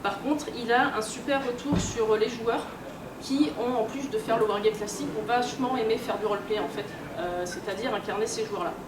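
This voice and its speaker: A woman who lectures, researches games and edits gives an informal, hesitant, filler-heavy talk at a convention. Her voice is fairly high and brisk, caught by a distant mic in a roomy, noisy indoor talk room.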